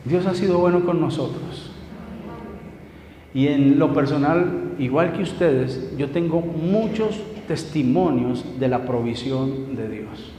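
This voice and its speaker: A man's voice: fairly high pitch, dark tone. A middle-aged man preaching a sermon, telling stories emphatically and asking the congregation questions. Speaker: pastor. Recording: echoey hall with long reverb, faint noise.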